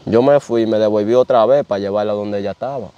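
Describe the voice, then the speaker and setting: A man's voice: fairly low pitch, quick pace, mellow, smooth, dry recording, lo-fi sound. A young man, telling a story in a casual interview and often repeating "dice ella, di que" as he recounts who said what. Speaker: interview guest.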